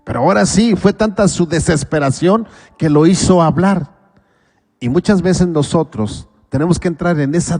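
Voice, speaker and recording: Mexican pastor preaching in a reverberant hall. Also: male voice. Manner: preaching with rhetorical questions, swinging between loud pleas and low quiet asides. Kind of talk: sermon.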